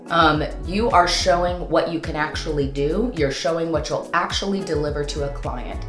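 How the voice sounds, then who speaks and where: A voice-over coach hosts an upbeat instructional vlog, speaking informally and playfully with theatrical, sing-song touches. Her voice is low, and the room echoes.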